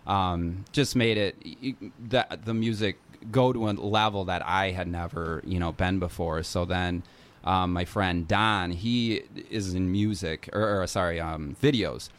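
A man's voice: sits low, fairly even intonation, measured pace. A North American man chatting casually as a musician guest, in a hesitant, rambling, informal way. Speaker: musician being interviewed. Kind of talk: casual interview chat.

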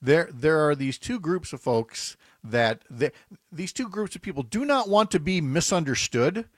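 A man's voice: fairly high pitch, animated, normal speed, no room sound, studio quality. A man hosting a morning radio talk show, chatting casually and jokingly with many fillers and restarts.

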